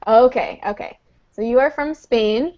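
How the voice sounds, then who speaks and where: A woman's voice: fairly high pitch, a little slow. A woman teaching an English class online, explaining patiently step by step with frequent "um"s. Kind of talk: live online lesson. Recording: dull lo-fi online call audio.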